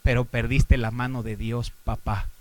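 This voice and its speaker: A Mexican man, a pastor, preaching a sermon with a Mexican Spanish accent. He poses rhetorical questions to the congregation and swings between loud exhortation and quiet asides. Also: mid-range voice, level tone, measured pace.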